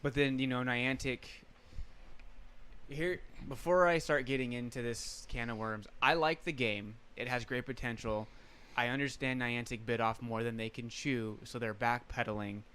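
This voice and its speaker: A young man chats casually on a podcast and drifts easily into anecdotes. His voice is smooth and clear, with an even middle pitch. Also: normal speed. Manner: storytelling, easygoing, laughs often. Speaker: podcast co-host. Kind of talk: casual chat.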